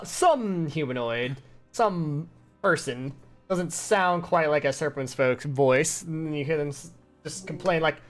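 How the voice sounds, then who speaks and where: A game master narrating a tabletop game casually and haltingly, with muttered, sweary asides. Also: mid-range voice.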